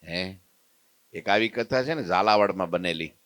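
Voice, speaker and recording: A man, a preacher telling a devotional story in a lively way and acting out its characters. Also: sits low, moderate pace, dry recording. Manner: lively, acts out the story's characters in their voices.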